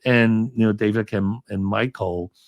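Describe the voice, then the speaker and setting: As a guest in an interview, a film commentator from Hong Kong tells a story in a fairly low voice, unhurried and with fairly even intonation. His casual telling rambles with lots of fillers and restarts; there's no echo, and the highs are cut off.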